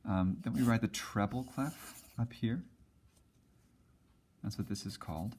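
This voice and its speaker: Male music teacher, low voice, relaxed and halting, talks while drawing on a board. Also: slightly rough. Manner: casual, hesitant with many ums and restarts. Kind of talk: whiteboard music lesson.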